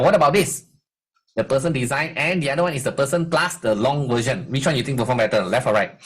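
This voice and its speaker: A man's voice: medium pitch, breathy edge. A middle-aged man, teaching a live online marketing masterclass and quizzing his audience. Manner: energetic, rhetorical quiz questions to the audience. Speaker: marketing coach.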